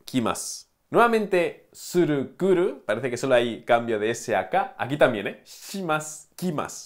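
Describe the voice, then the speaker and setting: A man teaching a language lesson, his pitch rising and falling a lot as he talks. He keeps checking in with the listener and chuckles often. His voice sits at a middle pitch. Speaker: Japanese teacher. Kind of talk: lively classroom explanation.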